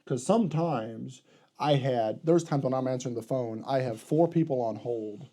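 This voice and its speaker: A man's voice: medium pitch, moderate pace. A young man, a podcast guest, chatting casually about his emergency room job, rambling and correcting himself as he goes. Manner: rambling, self-correcting, animated retelling. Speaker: podcast guest, ER health unit coordinator.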